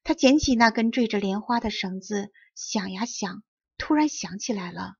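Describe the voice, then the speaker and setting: Husky woman reading a storybook. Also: mid-range voice, lively intonation, moderate pace, dull audio. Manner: clear, carefully enunciated reading. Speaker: audiobook reader. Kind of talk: storybook narration.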